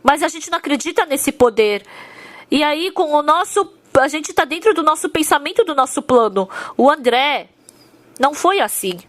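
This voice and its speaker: A woman's voice: sits high, lively intonation, moderate pace, fairly bright tone, no echo. A woman interpreting a sermon, telling its story earnestly and with emphasis.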